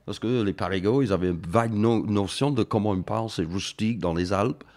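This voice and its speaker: Halting deep-voiced Englishman speaking French. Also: darkish tone. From England. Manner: halting, many fillers and restarts. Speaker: interview guest. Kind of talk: radio interview.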